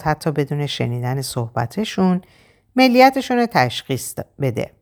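A woman narrating an audiobook in an expressive, measured reading. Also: fairly low pitch.

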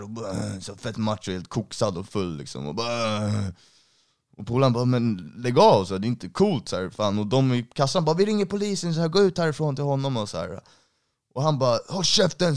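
A young man in casual chat, telling an animated story full of slang. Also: on the low side, clear, resonant tone.

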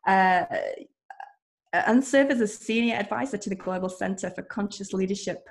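With easy laughter and warm admiration, a woman hosting an interview sets out her guest's credentials in a friendly manner. Her mid-range voice has vocal fry, and she speaks at a normal speed.

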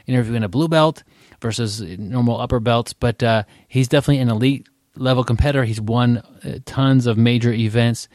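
A man's voice: mid-range voice, a little mellow, dry recording, studio quality. A man hosting a casual podcast, talking in a rambling way with many fillers and restarts. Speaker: podcast host.

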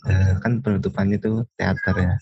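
Young guy, low flat husky voice, halting storyteller, dry muffled sound. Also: no room sound, soft background music. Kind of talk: casual podcast chat.

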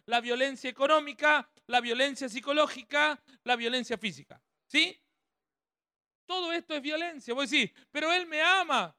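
High-voiced man teaching a workshop. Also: pushed and bright, no room sound, clean studio sound. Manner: conversational, checks with the audience often. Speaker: speaker at a family workshop.

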